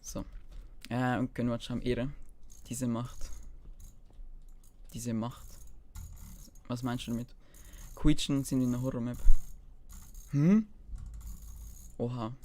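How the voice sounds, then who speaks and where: A man's voice: mid-range voice, fairly even intonation, unhurried, long pauses, mellow. A man with a Swiss German accent chatting casually on a live game stream, half talking to himself and half answering chat. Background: keyboard typing and mouse clicks.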